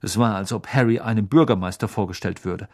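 A man's voice: fairly low pitch, a little fast, a little mellow, no echo, studio quality. A man reading a children's fantasy book aloud as scripted narration, telling it expressively. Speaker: audiobook reader.

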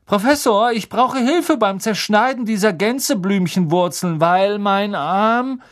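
A man voicing a spoiled, smug schoolboy with a whiny, mocking drawl in an audiobook. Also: measured pace. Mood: whining, mocking. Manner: nasal drawl, shrill and mocking.

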